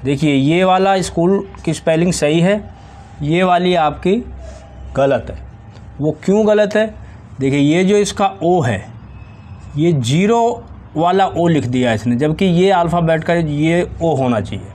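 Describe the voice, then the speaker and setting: Man telling village jokes, dark-toned voice. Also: fairly high pitch. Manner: storytelling, quick acted quotes of characters. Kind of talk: casual joke telling.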